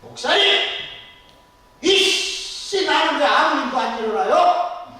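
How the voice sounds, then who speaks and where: A man playing a blunt middle-aged churchgoing wife, quoting her in an exaggerated high voice. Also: slow, a little mellow, lightly acted. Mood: complaining. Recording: echoey church hall from far off.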